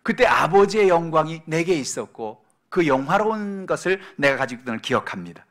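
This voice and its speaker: A pastor giving voice to Jesus praying, reverent and pleading. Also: male voice, a little high, sing-song, fairly quick, a bit bright, pitched above the performer's own voice. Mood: earnest prayer. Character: Jesus, a grown man praying earnestly to his Father.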